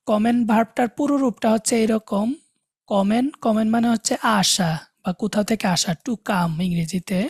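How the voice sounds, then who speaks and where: A woman teaching German in an online demo class, slowly spelling out each letter one at a time. Her voice has a slightly husky edge, and it sounds close and dry, as if she is speaking over a video call. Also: mid-range voice, darkish tone, no room sound.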